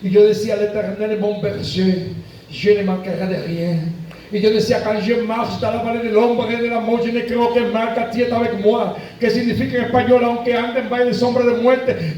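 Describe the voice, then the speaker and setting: A man's voice: high-pitched, warm tone, highs cut off. A man with a Puerto Rican Spanish accent, a pastor giving an emotional sermon testimony in a church. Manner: emotional testimony, tearful at times. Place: church sanctuary. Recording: very echoey church from far off. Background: congregation responding.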